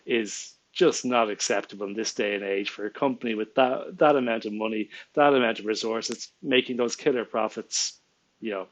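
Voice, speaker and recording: On a rough recording, a man speaks at a normal pace in a lowish voice with a native Irish accent. In his forties, he's a vlogger and small business owner ranting indignantly to camera from a small home room, exasperated, often restarting, waving his hands and laughing in disbelief.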